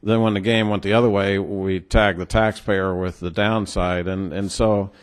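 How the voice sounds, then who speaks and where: Low-voiced man with a West Texas twang. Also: little pitch movement, normal speed, smooth. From New Mexico or West Texas, United States. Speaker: congressman questioning witnesses at a hearing. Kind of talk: formal but folksy hearing questioning.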